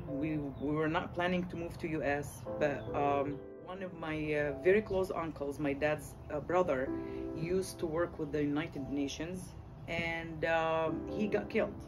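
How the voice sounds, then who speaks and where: An interviewee from Lebanon, a man whose first language is Arabic, tells the story of his migration haltingly and with many fillers. His voice is a little high, and music plays underneath it.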